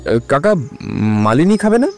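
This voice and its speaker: A man's voice: high voice, very animated, moderate pace, darkish tone, soft background music. A man playing a restless young husband. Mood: asking. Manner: insistent, rising to anger. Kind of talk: audio drama acting.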